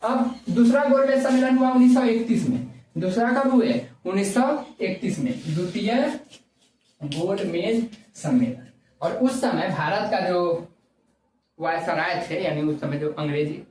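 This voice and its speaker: A man's voice: high-pitched, darkish tone, echoey room. Man, classroom lecture, repeats questions and answers, distant mic, faint noise. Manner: drills facts by asking and answering his own questions. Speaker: history teacher. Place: classroom with a whiteboard.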